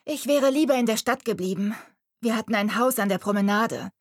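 A woman's voice: a little fast, no room sound, clean studio sound, lightly acted. A woman voicing a haughty young girl from a rich city family, bossy and imperious in an audiobook. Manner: bossy, imperious, shrill when calling. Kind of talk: audiobook character voice.

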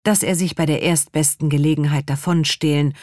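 A woman narrating an audiobook in a calm, even storytelling manner, close to a studio mic. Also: low voice, a little fast, no echo.

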